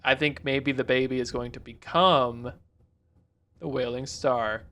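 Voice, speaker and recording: Talk as a guy reacting to a cartoon episode: mid-pitched and casual, restart your sentences freely, wander off track, toss in jokes as they come. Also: steady tone, a little slow, fairly bright tone. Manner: rambling, self-interrupting, jokey. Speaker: reaction video host.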